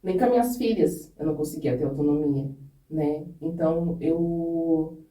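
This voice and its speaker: A woman's voice: deep voice, normal speed, dark tone, far from the mic, soft background music. A woman guest on a podcast telling her own story in an earnest, candid way, often restarting her sentences. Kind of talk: personal storytelling in a podcast interview. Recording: echoey room, voice off-mic.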